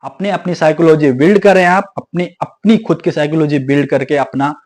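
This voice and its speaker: A man's voice: fairly high pitch, fairly quick, darkish tone. A young man speaking straight to his viewers, indignant and repetitive, slipping English phrases into his talk. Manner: indignant, repeats himself, code-switches into English. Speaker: video creator warning viewers. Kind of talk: casual direct-to-camera monologue.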